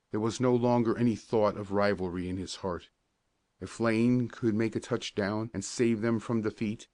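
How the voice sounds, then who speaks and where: Male storybook narrator, low pitch, measured delivery, dry booth sound. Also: a little mellow, no room sound. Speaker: audiobook narrator.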